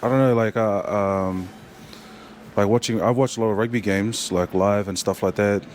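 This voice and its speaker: A young man with a New Zealand accent, a rugby player chatting as a guest in a casual interview, halting and full of fillers and restarts. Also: fairly low pitch, fairly even intonation, slight background noise.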